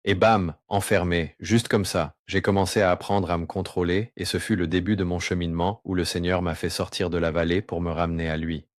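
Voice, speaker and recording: A man delivers a flat, earnest, remorseful first-person testimony, his voice altered down to an unnaturally deep register for anonymity. He pauses often and slows at key points. The audio is dry and close with no room sound.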